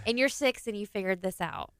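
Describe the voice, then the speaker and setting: A woman's voice: medium pitch, a little fast, smooth, no room sound. A woman in her thirties with a Texan accent, a guest chatting casually on a local radio show and laughing often. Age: 30s. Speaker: studio guest.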